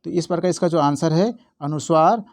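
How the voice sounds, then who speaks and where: A man's voice: on the high side, a little fast, darkish tone, dry recording. A young man teaching as an exam-prep tutor, walking through quiz answers and checking in often. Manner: repetitive, checks in often with "theek hai".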